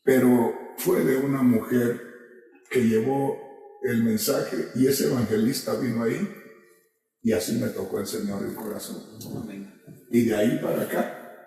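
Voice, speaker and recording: A gravelly, dark-voiced man preaches his testimony with fervor, his voice swelling into cries as he retells his prayers. He is caught by a distant mic in a long-echoing church hall. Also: medium pitch, unhurried, long pauses, soft background music. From Mexico. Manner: impassioned storytelling, voice rising to cries in quoted prayers. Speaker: pastor. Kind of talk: personal testimony in a sermon. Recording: echoey hall from far off.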